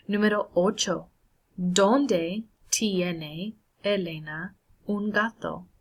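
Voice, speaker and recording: A woman's voice: on the low side, rough recording. A woman teaching a Spanish lesson while walking through a screen, patiently checking in with her students as she goes. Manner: patient, checks in with "right?" and "all right". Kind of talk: screen-share lesson walkthrough.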